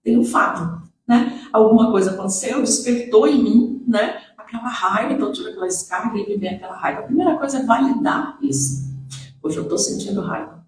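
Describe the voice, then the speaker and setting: A woman's voice: a little high, brisk, recorded from a distance. Brazilian woman teaching in an echoey room. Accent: Brazilian Portuguese. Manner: gentle, questioning, many tag questions. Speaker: emotional healing teacher. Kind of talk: talking to camera about emotions.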